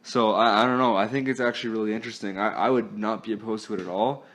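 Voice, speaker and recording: Man, podcast host, casual sports chat, low voice, chatty. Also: fairly even intonation, quick pace, a bit bright, a little hiss or hum. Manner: chatty, laughs often, filler-heavy.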